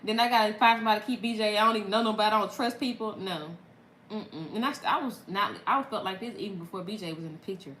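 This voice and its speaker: Southern lady going live, chatty and laughing a lot, bright voice, kinda echoey room. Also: medium pitch, fast, slight background noise. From Mississippi. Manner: chatty, laughs often, talks straight to viewers. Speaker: content creator. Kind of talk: casual livestream chat.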